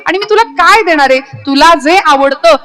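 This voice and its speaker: A woman's voice: very high-pitched, moderate pace, a bit bright. A woman from Maharashtra preaching a devotional kirtan sermon, telling stories and asking rhetorical questions between quoted verses. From Maharashtra, India.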